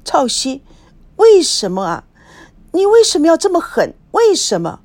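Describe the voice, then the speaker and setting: A woman acts out a heartbroken young woman in a story reading. She pleads tearfully, her high voice swinging widely. Close, dry sound. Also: big pitch swings, measured pace, a little mellow, no room sound, full character voice. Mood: sobbing.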